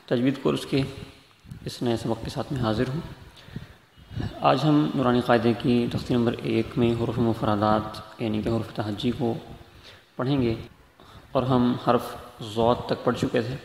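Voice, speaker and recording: Guy teaching tajweed, kinda gravelly voice, patient explaining, echoey room w/ faint hiss. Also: mid-range voice, fairly even intonation, a little mellow. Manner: patient, explanatory, drawn-out letter demonstrations. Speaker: Quran recitation teacher. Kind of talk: tajweed lesson.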